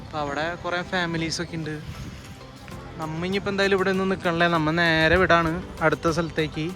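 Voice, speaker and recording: A man's voice: a little high, fairly even intonation, a little fast, over music. A man with a Malayali accent giving casual travel vlog commentary, dropping English words into his Malayalam. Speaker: travel vlogger.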